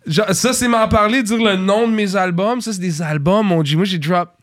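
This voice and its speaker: Blunt, profane high-voiced man. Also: normal speed. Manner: blunt, profane, mixes English into French. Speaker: rapper and producer. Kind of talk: casual chat.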